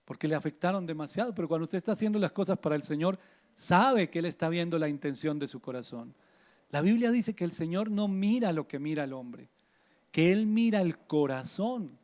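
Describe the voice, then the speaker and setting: Emphatic pastor preaching. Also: male voice, fairly high pitch, animated, a little fast, darkish tone. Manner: emphatic, rhetorical questions to the listener. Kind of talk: radio sermon.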